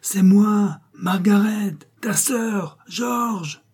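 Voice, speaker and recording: A man's voice: very slow, a little mellow, husky, exaggerated voice. A man voicing a young woman who calls out desperately and pleadingly for her lost brother, in an audiobook adventure. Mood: pleading cry. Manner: crying out, high and pleading.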